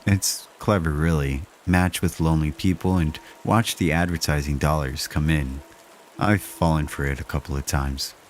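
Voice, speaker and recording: A man narrating first-person horror stories in a slow, measured, hushed way. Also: very deep voice, steady tone, slight background noise.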